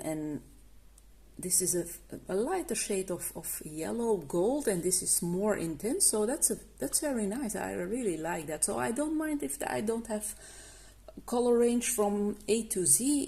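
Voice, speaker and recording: Woman, gravelly, dark voice, slow and hesitant, non-native english. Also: medium pitch. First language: not English. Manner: hesitant, many restarts and fillers. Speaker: coloring channel host. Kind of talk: casual product review.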